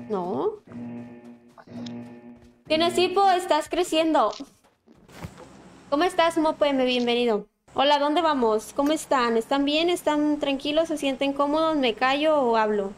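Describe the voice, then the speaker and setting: High-voiced Mexican woman streamer. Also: unhurried, faint music behind. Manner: chatty, warmly greets viewers by name. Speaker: gaming livestreamer. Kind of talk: casual livestream chat while playing.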